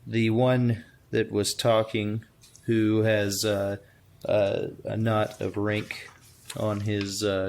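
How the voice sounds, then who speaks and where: A man acting as game master, narrating a tabletop roleplaying game in halting, pieced-together phrases. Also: fairly low pitch, gravelly, a little hiss or hum.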